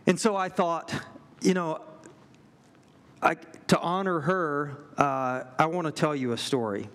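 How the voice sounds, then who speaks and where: A middle-aged man preaching a sermon, earnest and measured, pausing and restarting now and then. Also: on the high side, a bit bright. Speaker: pastor.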